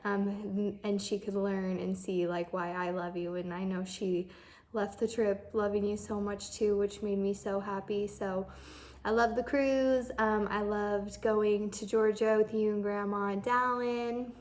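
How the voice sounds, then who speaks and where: Flat-voiced young woman with many fillers. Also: mid-range voice, a little slow. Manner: heartfelt, rambling with many fillers. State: emotional, close to tears. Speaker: granddaughter. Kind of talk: birthday video message.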